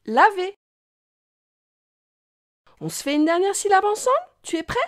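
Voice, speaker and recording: A woman teaching young children to read, talking slowly in an exaggerated, sing-song way. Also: very high voice, sing-song, dry recording, studio quality. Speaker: reading teacher. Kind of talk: children's reading lesson.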